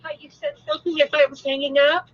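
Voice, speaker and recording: A woman's voice: high-pitched, level tone, fast. A woman calling in, heard over the phone, talking hesitantly and repeating herself. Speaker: caller. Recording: dull phone line.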